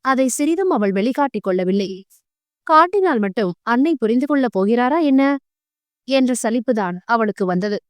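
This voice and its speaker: Woman reading an audio novel, high-ish voice, dry close mic. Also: moderate pace, no echo. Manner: calm, expressive storytelling. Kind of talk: scripted narration.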